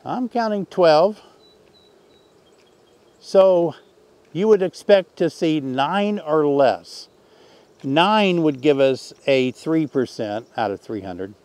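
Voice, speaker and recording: A man in his sixties teaching a beekeeping test outdoors by the hives, talking in a relaxed, folksy way while he works. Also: a little high, slow pace, pauses often, no echo. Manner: relaxed, folksy, thinks aloud while working. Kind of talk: hands-on outdoor demonstration. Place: outdoors in an orchard beside beehives.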